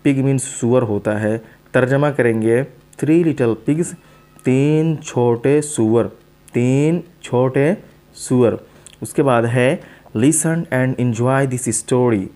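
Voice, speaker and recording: A man teaching English vocabulary to students, reading a story line by line and explaining each word slowly and with repetition. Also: mid-range voice, warm tone. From South Asia. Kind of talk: teaching English to Hindi speakers.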